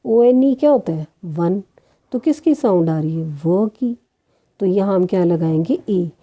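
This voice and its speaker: A woman's voice: medium pitch, animated, dark tone. A woman teaching a grammar lesson who talks patiently, asks her students questions and answers them herself, and calls them children. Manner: spells out sounds slowly.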